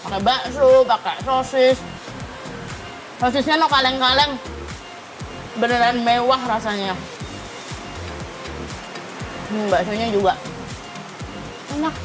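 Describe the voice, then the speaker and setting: Pausing often and talking a little slowly, a young woman with a fairly high voice reviews food casually for her show's viewers. She's in an open-sided restaurant hut with music in the background, sampling dishes with enthusiasm on a rough recording.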